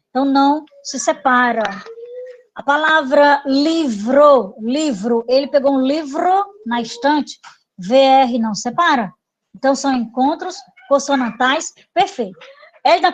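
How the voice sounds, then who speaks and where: A woman's voice: high-pitched, low-quality recording. A woman with a Brazilian Portuguese accent teaching an online grammar review, explaining patiently with repeated examples and checking in with her students.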